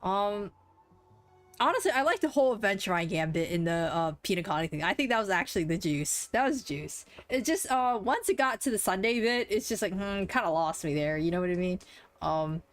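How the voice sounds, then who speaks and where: A woman's voice: medium pitch, lively intonation, a little fast. A young woman casually commenting while streaming a game, chatty and full of fillers, laughing and swearing.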